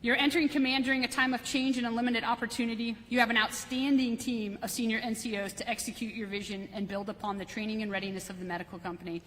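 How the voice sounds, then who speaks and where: A woman's voice: fairly high pitch, fairly even intonation, fast, few pauses, fairly bright tone. A woman delivering a prepared, formal podium speech as a military leader welcoming people at a ceremony. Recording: reverberant hall, faint background noise.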